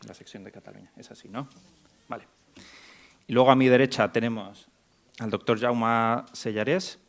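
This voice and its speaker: Man, from Mexico, panel moderator, somewhat low voice, hesitant, restarts often. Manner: hesitant, many restarts and fillers. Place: conference hall.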